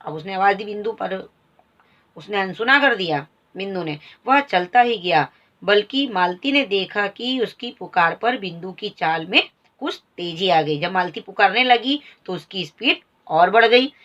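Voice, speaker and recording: A woman's voice: mid-range voice, animated, measured pace, fairly bright tone. A woman Hindi teacher explaining a textbook story, reading a line and then re-explaining it in plain words, on a slightly dull recording.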